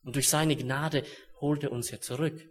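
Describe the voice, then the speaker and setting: A young man preaching a sermon in an earnest way, dropping to hushed solemn words and then rising to urgent ones. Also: on the high side, steady tone, moderate pace.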